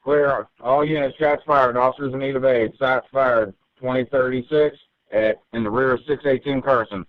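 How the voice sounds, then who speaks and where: A man's voice: medium pitch, fairly even intonation, moderate pace, no echo. A male police dispatcher heard over a police radio transmission, reading out units and addresses in clipped, methodical calls. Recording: narrow tinny radio channel, dry.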